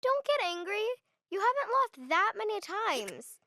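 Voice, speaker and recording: A voice actress playing a cheerful, bossy little girl in a children's cartoon, bright and eager. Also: very high-pitched, very animated, measured pace, dry recording, clean studio sound, exaggerated voice. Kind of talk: cartoon voice acting.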